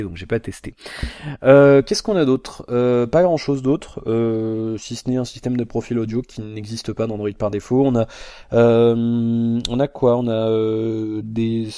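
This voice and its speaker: A tech reviewer casually reviews a phone on camera at home, rambling and hesitant with lots of fillers and restarts. His voice is lowish and dark-toned. He's recorded on the camera's built-in mic with the camera resting on a box, yet the sound is clean and studio-like with no room sound.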